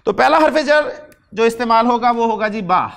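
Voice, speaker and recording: With a very high-pitched, gravelly, slightly bright voice, a man from Pakistan lectures a class on Arabic grammar. He works through it step by step, slows down to spell Arabic words, and answers his own questions.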